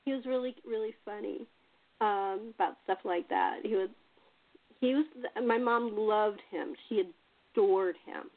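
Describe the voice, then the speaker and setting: A woman host and playwright tells stories conversationally during a casual chat. Her voice sits at medium pitch with a measured pace, carried over thin, phone-like call audio.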